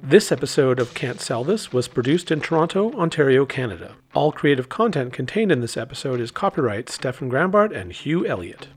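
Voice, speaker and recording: A man co-hosts a casual podcast in a voice that swings widely in pitch. He mostly answers in short, agreeable replies and reads the closing credits plainly. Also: expressive, fairly quick, hardly any pauses, slightly rough. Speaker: podcast co-host. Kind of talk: casual podcast chat and outro read. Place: Toronto, Canada.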